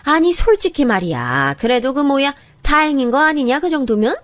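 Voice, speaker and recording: A woman's voice: high-pitched, sing-song, moderate pace, fairly bright tone. A woman voicing a harsh, scornful older mother-in-law who belittles and nags her daughter-in-law. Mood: dismissive.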